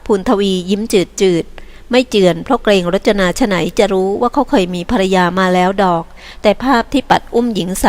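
Woman, audiobook narrator, novel reading, steady, measured, mid pitch. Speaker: audiobook reader.

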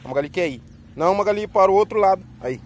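A man's voice: high-pitched, lively intonation, very fast, noisy background. Chatty Brazilian man coaxing his dogs. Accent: Brazilian Portuguese. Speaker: vlogger walking his dogs. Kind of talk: casual talk to pets on a walk. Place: outdoors on a street walk.

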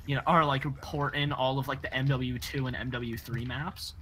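A young man talks over voice chat during a match, rambling and padding his sentences with filler words. His voice sits at an ordinary pitch. A noisy home mic picks up keyboard clicks behind him. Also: steady tone, normal speed, pushed and bright. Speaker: gamer. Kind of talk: casual gaming chat.

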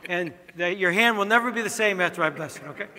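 A man's voice: high voice, fast, pushed and bright. A man, a priest, walking a wedding party through their rehearsal, giving chatty directions with joking asides. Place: large church. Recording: long church reverb.

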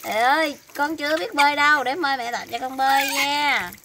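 A woman coos in gentle baby talk, as if to small pets. Her voice sits high. The home recording carries clear background noise. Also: brisk. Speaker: pet monkey owner. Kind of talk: home video chat to pets. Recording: noisy background.

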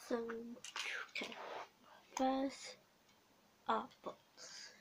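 A young woman playing an attentive bookshop and library clerk in a whispered role-play, talking haltingly in short, repeated phrases. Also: on the high side, little pitch movement. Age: young adult. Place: small home room, indoors. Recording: noisy home recording with clicks.

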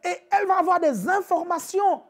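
A woman preacher giving a live-streamed teaching sermon, chatty and animated, laughing often and repeating calls to her viewers. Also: very high voice, moderate pace.

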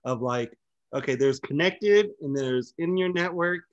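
A man's voice: fairly high pitch, measured pace, no room sound, dull audio. A man co-hosting a casual board game chat on a video call, asking tentatively in a conversational way. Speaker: board game review co-host.

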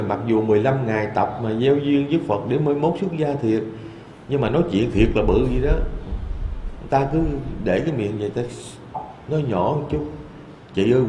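A man, a Buddhist monk, giving a dharma talk in a temple hall with lively storytelling. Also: medium pitch, fairly quick, slight background noise. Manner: lively storytelling, quoting voices in asides.

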